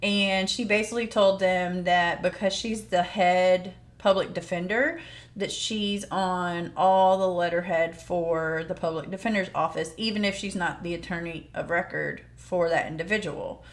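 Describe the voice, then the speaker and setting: A woman's voice: lowish voice, steady tone, measured pace. A woman giving informal, plain-spoken commentary as she explains court news like a true crime host.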